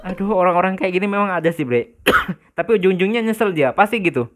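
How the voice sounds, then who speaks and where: A man's voice: high-pitched, animated, fairly bright tone, soft background music. A young man, hosting a casual reaction commentary. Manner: casual, slangy, quick laughs. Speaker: reaction video host.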